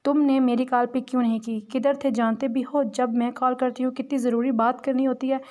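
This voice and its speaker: A woman voicing a bossy, excitable young woman who talks on without pause. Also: high-pitched, lightly acted. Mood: demanding. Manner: rapid demanding chatter.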